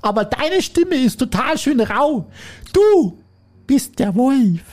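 Woman playing tiny fairy-tale goat kids, piping high and childish, slowly drawn out. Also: big pitch swings, a little mellow, heavily acted. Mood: defiant. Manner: very high squeaky child voice, slow. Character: little young goat kids, squeaky and childish.

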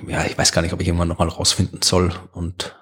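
A man's voice: low-pitched, completely flat delivery, fast, pushed and bright, husky. A man with an Austrian accent co-hosting a podcast in casual chat, sarcastic and chatty, laughing often. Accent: Austrian German. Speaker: podcast co-host.

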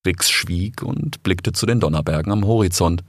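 Male audiobook narrator, low and gravelly, close and dry, calm storytelling. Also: normal speed, no echo.

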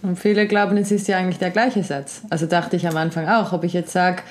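A woman's voice: fairly low pitch, flat delivery, fast. A woman in casual conversation, listening closely and chiming in with short agreement. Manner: attentive, frequent affirming murmurs.

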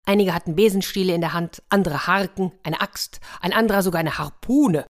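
Woman with a low voice reading a children's story. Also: brisk. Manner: lively, expressive storybook narration.

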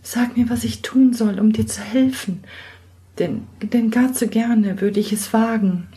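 A woman voicing a timid, excitable young noblewoman in a fairy tale, stammering in a high, breathless voice. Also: measured pace, lightly acted. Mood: eager.

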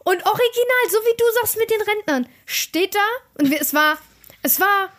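A woman's voice: very high voice, animated, moderate pace, a bit bright. A young woman co-hosting a podcast, chatting casually and telling a story with lots of fillers and restarts. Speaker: podcast co-host. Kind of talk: casual chat.

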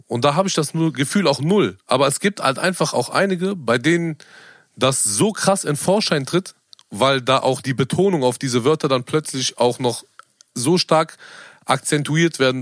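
A man co-hosting a podcast, talking in a measured, deliberate way and sometimes searching for words. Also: mid-range voice, no room sound, studio quality. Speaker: podcast co-host. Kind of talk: casual chat.

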